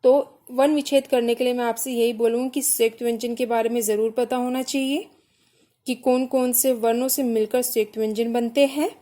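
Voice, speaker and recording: A woman's voice: a little high, steady tone, brisk, warm tone. A woman teaching a grammar lesson to children, patiently spelling out syllables one by one and asking questions that she then answers herself.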